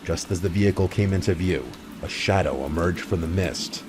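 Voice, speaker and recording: A man narrating a horror story in a measured, brooding scripted delivery. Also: low voice, noisy background.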